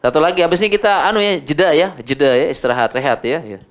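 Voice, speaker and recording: Man, Indonesian accent, middle-aged, religious lecturer, animated, repeats himself, higher-pitched voice. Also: fast. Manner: animated, repeats words for emphasis. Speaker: Islamic lecturer answering audience questions.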